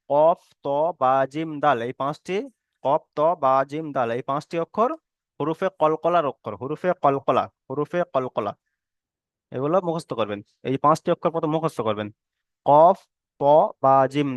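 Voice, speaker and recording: A man's voice: on the high side, a bit bright, dry recording. A man teaching Quran reading in an online class, patiently repeating letters and words and checking that listeners follow. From Bengal. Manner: patient, repeats each letter and word slowly.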